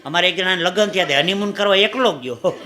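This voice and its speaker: A man doing live stand-up comedy, telling jokes and stories and slipping into bits of song and shouted voices. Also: high voice, fast. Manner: jokey storyteller, sings snatches and shouts voices. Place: stage before a live audience. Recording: live stage recording with crowd laughter and noise.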